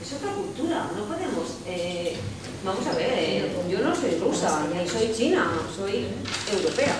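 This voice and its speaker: A woman interjecting in a public debate after a screening, animated and colloquial. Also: mid-range voice, a little slow. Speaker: audience member in a debate. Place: hall of a social club. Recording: echoey room, far from the mic, noisy.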